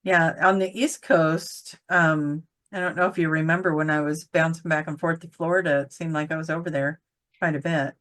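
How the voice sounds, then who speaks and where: A woman's voice: low-pitched, steady tone, normal speed, fairly bright tone. A woman in casual conversation about spiritual channeling, rambling and searching for words with many fillers. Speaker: channeler co-host.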